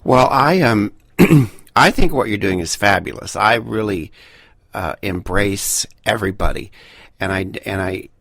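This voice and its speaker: Gravelly man in his fifties, halting. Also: fairly low pitch, animated, fairly bright tone, dry recording. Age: 50s. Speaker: podcast host. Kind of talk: conversational interview.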